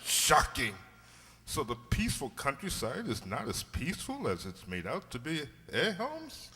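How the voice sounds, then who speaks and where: A man playing a genteel, opinionated doctor and loyal companion, polite and expressive, in a radio drama. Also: medium pitch, measured pace, full character voice. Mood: curious. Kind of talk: amateur radio drama acting. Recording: long hall-like reverb.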